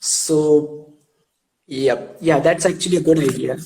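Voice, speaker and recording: A young male host with a slightly high voice chats with an old school friend over a video call. He laughs often, hesitates and stumbles over repeated words as he asks his questions. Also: slow, vocal fry, background noise. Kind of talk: casual video-call interview.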